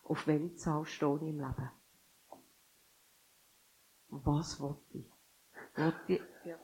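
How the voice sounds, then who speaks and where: A woman's voice: low-pitched, fairly even intonation, slow, warm tone, slight background noise, low-quality recording. A woman preaching a sermon who reads scripture and urges listeners, with sudden emphatic bursts.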